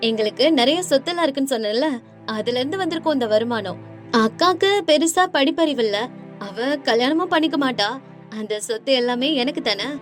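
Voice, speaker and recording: A woman's voice: sits high, animated, brisk. A woman voicing a spoiled, vain younger sister at a city college, whiny and defiant in a cartoon story. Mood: boastful. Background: music.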